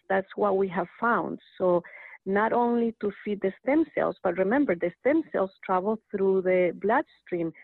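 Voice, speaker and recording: A woman from Costa Rica joins a casual chat as a guest, speaking earnestly and eagerly at a medium pitch. She keeps restarting her words. The audio comes over a tinny, dry phone line with no room sound.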